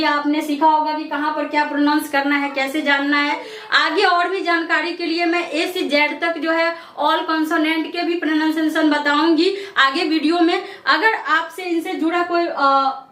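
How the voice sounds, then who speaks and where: A high-voiced woman gives an English pronunciation lesson. She asks a question, then answers it herself over and over. She sounds a bit far from the mic, in a roomy echo. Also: a bit bright. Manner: repeats questions and answers them herself, lots of "theek hai". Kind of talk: classroom-style lesson explanation. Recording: echoey room, voice from a distance.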